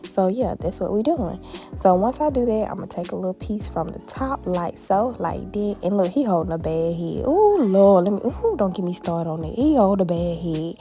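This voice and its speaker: In a family home, a woman films a hair tutorial vlog with faint music playing behind her. Her mid-range voice moves at a normal speed, and she's animated, chatty, and playful, addressing her viewers directly as "honey" and "baby."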